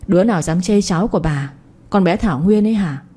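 A woman's voice: on the low side, lively intonation, fast, mellow, slightly rough. A woman voicing a scheming old grandmother with a scornful, cutting way of talking. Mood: coaxing. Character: scheming old grandmother, sharp-tongued and cruel.

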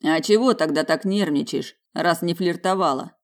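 A man's voice: a little high, normal speed. A man narrating a first-person audiobook in a wry, inward way, grumbling in the dialogue.

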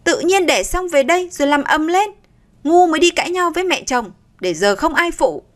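Woman reader doing a contemptuous older mother-in-law, sharp scolding, higher voice. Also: lively intonation, normal speed. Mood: scornful.

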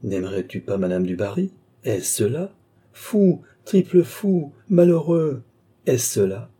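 A man reading an audiobook, voicing a scheming old male marshal who wheedles and then scolds in sudden high bursts. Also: sing-song, moderate pace, mellow, husky, heavily acted. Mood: exasperated.

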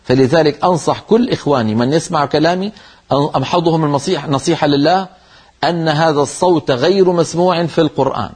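Man, Quran recitation teacher, TV lesson; husky, earnest delivery that models the reading aloud. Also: a little high, fast, a little mellow. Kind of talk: televised religious lesson.

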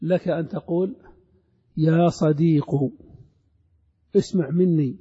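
A man gives a classical grammar lesson, reciting each example slowly and then explaining it. His voice is dark and a little husky. It comes through a dull, lo-fi recording with a long hall reverb. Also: on the high side, steady tone. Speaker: Arabic grammar teacher.

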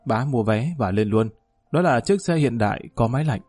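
Man narrating an audiobook story, steady, mellow dark voice, dry close sound. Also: mid-range voice, moderate pace, breathy edge, no echo. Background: faint music.

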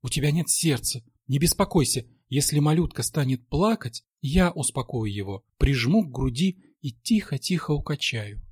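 A man voicing an anxious, tender young wife in a read-aloud story, raising his voice higher. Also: expressive, moderate pace, few pauses, darkish tone, slightly rough, dry recording, clean studio sound. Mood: reproachful.

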